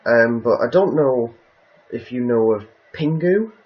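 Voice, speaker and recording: A man's voice: mid-range voice, animated, measured pace, highs cut off. A man chatting casually on a livestream, hesitant and rambling, with many ums and restarts.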